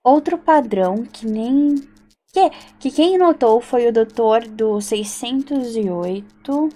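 A Brazilian woman with a Brazilian Portuguese accent streams a horror game, jittery as she talks to herself and the game, reads notes aloud, and lets out frightened exclamations. Her voice is on the high side, expressive and warm, and she speaks slowly.

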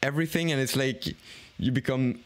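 Young podcast host, 20s, close studio mic, thoughtful, pauses to find words, medium-pitched voice. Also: male voice. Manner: thoughtful, searching for words, restarts often. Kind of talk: casual podcast conversation. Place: small home studio indoors. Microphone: studio microphone on an arm, headphones on.

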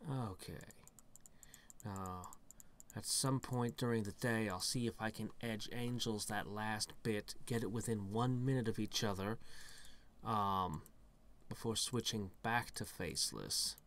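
A man's voice: lowish voice, measured pace, a bit bright. A man giving let's-play commentary, thinking aloud in a rambling way with dry, self-mocking humour. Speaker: gaming channel host.

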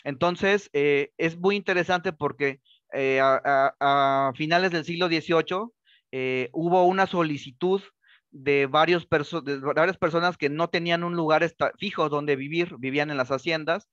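Man, history talk, fillers and restarts, question tags, slightly high voice, dry muffled sound. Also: normal speed, fairly bright tone, dry recording. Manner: hesitant, many fillers and restarts, ends phrases with rhetorical question tags. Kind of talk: academic lecture.

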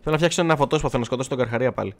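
A man casually chatting while livestreaming gameplay, self-mocking and swearing, talking back to his viewers and the game. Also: medium pitch. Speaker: gaming livestreamer. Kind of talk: casual live gameplay chat.

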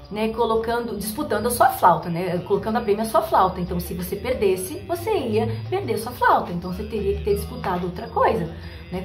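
A woman's voice: mid-range voice, reverberant, voice pushed down, lightly acted. Bossy young woman referee, voiced by a storyteller, scolding plainly. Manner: scolding, matter-of-fact. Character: firm young female friend and game judge.

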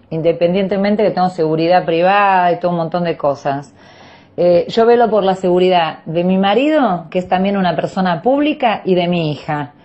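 A woman's voice: on the low side, darkish tone. A woman with a posh Buenos Aires Argentine accent, haughty and indignant, scolding someone in a voice message. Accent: Buenos Aires Argentine Spanish. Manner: posh, haughty upper-class way of talking. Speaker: private parent complaining to another parent. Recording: muffled lo-fi phone voice message.

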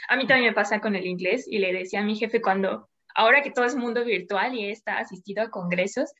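The audio is lo-fi as this young adult Mexican climate scientist speaks quickly in a medium-pitched, slightly bright voice. Appearing as a guest in a casual video-call interview, she gives long, thoughtful explanations punctuated by small laughs.

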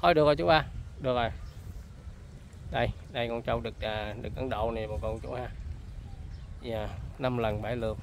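Gravelly-voiced Southern Vietnamese man vlogging outdoors. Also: mid-range voice, a little fast, long pauses, slight background noise. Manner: chatty, keeps addressing viewers as folks. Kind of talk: casual on-location vlog chat. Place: rural outdoors near buffalo and water.

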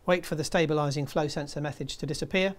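A man in his fifties presenting a scripted tutorial in a measured, step-by-step way. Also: a little high, steady tone. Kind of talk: scripted instructional narration.

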